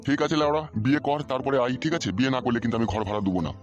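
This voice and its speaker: A man's voice: mid-range voice, very fast, lo-fi sound, lightly acted. A man playing a foul-mouthed hot-tempered village dad. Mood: gruff. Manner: swears constantly, barking and scolding. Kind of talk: comic audio drama. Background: background music.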